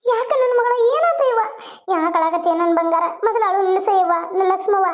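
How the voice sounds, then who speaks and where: A woman's voice: very high-pitched, brisk, dull audio. A woman voicing a caring, protective village mother who comforts her daughter. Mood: soothing. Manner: comforting, pleading.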